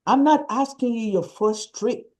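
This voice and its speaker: A woman's voice: fairly high pitch, a little slow, dark tone, poor audio. A woman guest speaker giving encouraging advice in an emphatic way, repeating her points for stress. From Nigeria.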